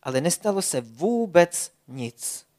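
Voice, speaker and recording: Expressive storyteller reading a kids' animal adventure; lively and playful. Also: medium pitch.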